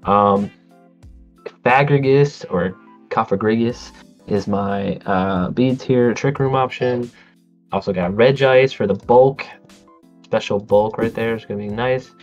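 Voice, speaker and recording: A man co-hosting a casual podcast, talking in a relaxed way with many ums and easy laughs. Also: fairly low pitch, measured pace, lo-fi sound, faint music behind. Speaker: podcast co-host. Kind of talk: casual chat.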